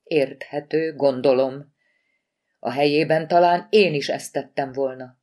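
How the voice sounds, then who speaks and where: A woman reading an audiobook voices a wry, apologetic male pathologist with a lowered, sighing delivery. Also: a little mellow, natural voice. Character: exasperated male forensic pathologist husband, wry.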